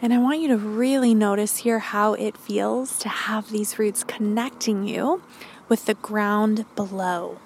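A woman podcast host leading a calm grounding meditation, giving gentle, encouraging instructions. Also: mid-range voice, a little slow, a little hiss or hum.

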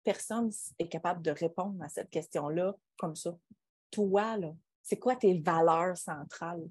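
A woman's voice: lowish voice, a little slow, darkish tone, slightly rough, dry recording. A woman with a Quebec French accent, talking casually on a podcast in an emphatic, colloquial way with rhetorical questions. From Quebec, Canada.

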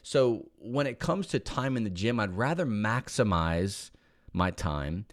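Low-voiced man coaching casually. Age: adult with young kids. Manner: conversational, repeats words for emphasis, checks in with "okay?". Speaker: podcast host and back-pain fitness coach. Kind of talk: casual instructional podcast monologue.

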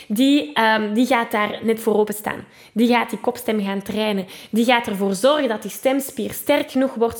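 A woman with a Flemish accent leads a singing lesson in a fairly high voice. She explains registers patiently, tags her sentences with a chatty "hè", and sings short vocal examples as she goes. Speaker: singing teacher and podcast host. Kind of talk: spoken vocal lesson with sung demonstrations.

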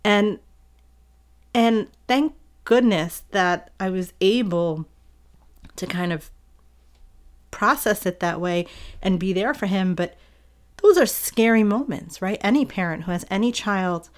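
A woman's voice: mid-range voice, takes it slowly, pauses often. A young adult woman and mother, speaking in an earnest, reflective way, with many fillers and restarts. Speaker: parent sharing a personal story. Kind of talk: heartfelt personal monologue.

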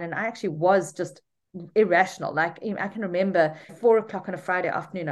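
A middle-aged woman, a mother of three, co-hosting a casual podcast in an animated, reflective way that often repeats words. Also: on the low side. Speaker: podcast co-host.

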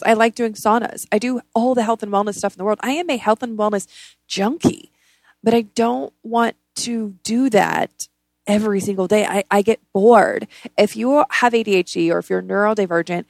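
A woman's voice: medium pitch, gravelly, no echo. A woman hosting a casual motivational self-help podcast, speaking informally and bluntly, with emphatic repetition of words. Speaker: podcast host.

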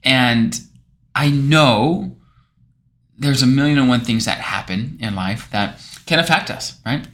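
Bright-voiced male financial host. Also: mid-range voice, slow pace. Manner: conversational storytelling with restarts. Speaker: financial planner and channel host. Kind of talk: casual talk to camera.

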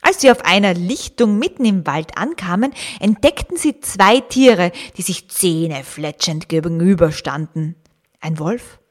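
A woman narrating a children's story gently, speaking directly to the young listener. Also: lowish voice. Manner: slow, gentle, addressing the young listener, at times whispering.

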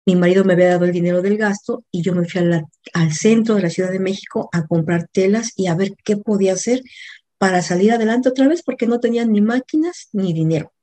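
A middle-aged woman with a Mexican accent tells a personal story, lively and anecdotal, stopping now and then to correct herself. Her voice is mellow and warm, sitting at an ordinary pitch for a woman. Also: fast. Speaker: coach.

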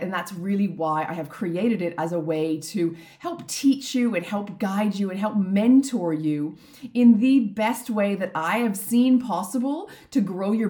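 A middle-aged woman from Canada hosts her own reflective podcast alone. Her voice is slightly croaky from a lingering throat infection. She speaks in an earnest, heartfelt way. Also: medium pitch, dark tone. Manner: earnest, heartfelt, openly emotional. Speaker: business and life coach, podcast host. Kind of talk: reflective solo podcast monologue.

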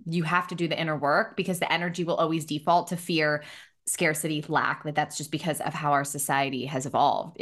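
A woman with a somewhat low voice hosts a podcast conversation. She talks emphatically and keeps affirming her guest. Her tone is casual and conversational. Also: a bit bright. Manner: emphatic, affirming, repeats "so good". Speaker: podcast host.

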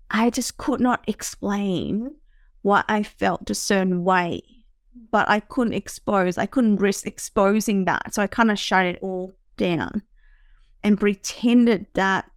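A Vietnamese woman hosts a podcast, reflecting on her own life in a searching way, with fillers and restarts. Her voice is medium-pitched, and the clean studio recording has no room sound.

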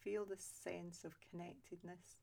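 Calm, low-pitched woman guiding meditation. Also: creaky. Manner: slow, soft and calm with long pauses. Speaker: meditation guide. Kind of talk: guided loving-kindness meditation.

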